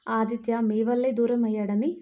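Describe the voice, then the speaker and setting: A woman's voice: a little high, level tone, moderate pace, mellow, close to an everyday voice. A woman playing an apologetic young daughter. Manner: apologetic, tearful.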